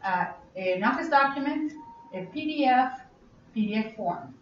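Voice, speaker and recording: Woman presenter, chatty, fairly high voice, echoey room, muffled sound. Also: expressive, measured pace, slight background noise. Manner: chatty, asks audience questions, laughs often. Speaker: conference presenter. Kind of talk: live workshop presentation. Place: conference room.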